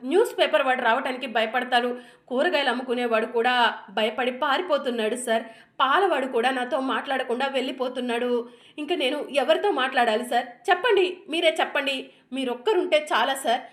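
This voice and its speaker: A woman's voice: sits high, quick pace, natural voice. A bitter, accusing young wife, read by a woman. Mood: tearful, reproachful. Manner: reproachful questions ending in "sir".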